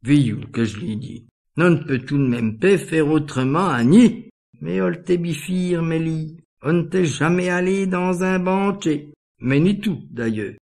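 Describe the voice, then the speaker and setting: Slow-talking guy, norman accent, wry country storyteller, highish voice. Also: a little mellow. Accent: Norman patois. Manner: rustic, wry peasant voice. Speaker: folk storyteller. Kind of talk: comic folk monologue.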